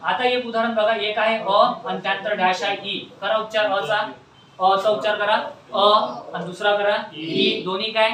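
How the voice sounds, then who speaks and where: A man with a high, brisk voice teaches a class, firing questions and echoing the answers back. He sounds far from the mic in a reverberant classroom with faint background noise. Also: level tone. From Maharashtra, India. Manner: repetitive questioning, prompts students to answer back. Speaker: Marathi grammar teacher. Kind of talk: classroom lecture with call-and-response.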